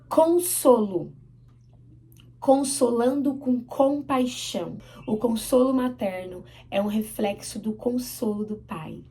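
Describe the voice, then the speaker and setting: A woman's voice: medium pitch, dark tone, poor audio. A woman with a Brazilian Portuguese accent giving a church teaching, earnest and emphatic, asking the audience for amens.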